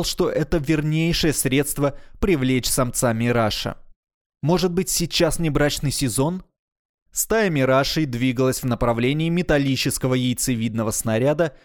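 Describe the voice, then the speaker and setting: A man narrating a science fiction audiobook in a measured, expressive reading voice. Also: a little high.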